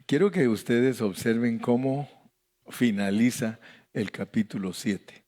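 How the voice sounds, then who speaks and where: A man leads a Bible study in a church, speaking in a low voice and at an unhurried pace. He reads verses aloud deliberately and asks the congregation to read along. He is teaching a Bible study, not delivering a sermon. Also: darkish tone. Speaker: pastor.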